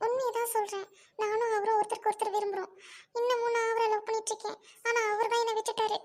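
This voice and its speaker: A woman's voice: extremely high pitch, little pitch movement, quick pace, a little mellow. A woman voicing a young woman doctor who pleads and insists, in an amateur audio drama. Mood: pleading.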